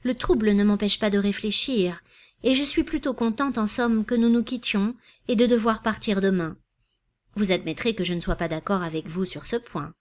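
A woman's voice: medium pitch, moderate pace, close to an everyday voice. A woman reading a novel aloud, voicing a reserved, thoughtful young woman who answers in a cool, guarded, polite way. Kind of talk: audiobook reading.

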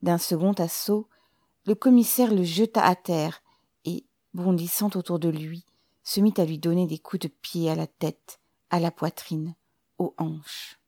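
A woman narrating a novel in a measured, even storytelling manner. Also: on the low side, no room sound, studio quality. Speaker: audiobook narrator.

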